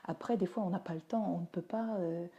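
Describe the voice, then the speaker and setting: On a phone or webcam stream, a teacher and parenting speaker chats informally and answers viewers' comments, filling her talk with fillers. Her voice is low, mellow, and fairly quick, and the high frequencies are cut off.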